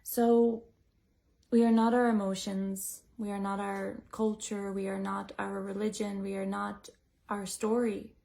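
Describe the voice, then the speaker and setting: Brief: woman breathwork teacher, mellow and gravelly, flat delivery, musing and gentle. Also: medium pitch, unhurried. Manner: gentle, musing, with many "like" and "you know" fillers. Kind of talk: reflective teaching talk to a group.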